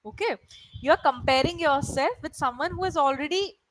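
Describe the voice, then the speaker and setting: A Malayalam-speaking woman from India tutors English over a video call, her high voice moving a little fast. She's encouraging and keeps checking in with her student, often asking "right?" The recording is rough but has no room sound.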